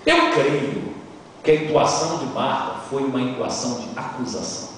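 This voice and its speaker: Pastor preaching in a booming hall. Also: male voice, normal speed, slight background noise. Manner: storytelling, dramatic, retelling a scripture. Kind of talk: sermon. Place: church sanctuary. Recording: echoey church hall, distant mic.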